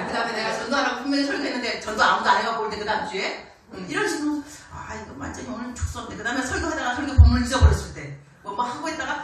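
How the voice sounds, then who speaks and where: A middle-aged woman missionary preaching a sermon, animated and often laughing as she acts out the voices she quotes. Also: a little high. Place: church sanctuary. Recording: echoey church hall, distant mic, faint noise.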